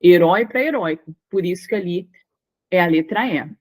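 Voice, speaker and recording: A woman's voice: fairly low pitch, expressive, a little fast, darkish tone, rough recording. A young Brazilian woman teaching a Portuguese grammar lesson for exam prep. She works through each word step by step, leans on stressed syllables and keeps checking in with her students.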